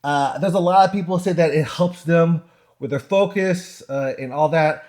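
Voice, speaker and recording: A man's voice: on the high side, normal speed, darkish tone. A man chatting casually to viewers as a product reviewer, shivering as he sits in cold water. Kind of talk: casual vlog chat.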